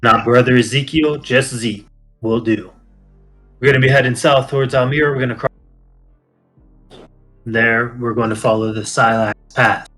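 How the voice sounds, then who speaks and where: A man's voice: medium pitch, fairly even intonation, moderate pace, pauses often, a bit bright, soft background music. A man voicing a blunt male ranger instructor over an online call whose choppy audio keeps cutting off the ends of his words. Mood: briefing. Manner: terse, clipped orders. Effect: choppy online call audio, words cut off at the ends. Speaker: game master. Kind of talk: voicing a character in an online tabletop game.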